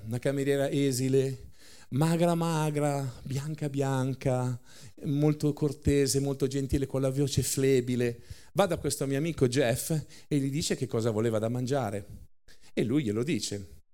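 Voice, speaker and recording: Man, preacher, sermon storytelling, middle pitch, animated, acts out quotes. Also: moderate pace.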